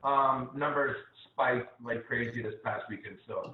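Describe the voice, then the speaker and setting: A man's voice: mid-range voice, steady tone, unhurried. A man teaching a live online cooking class over a video call, patiently walking through each step and repeating it. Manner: instructive, repeats steps patiently. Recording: tinny phone-like line, echoey room.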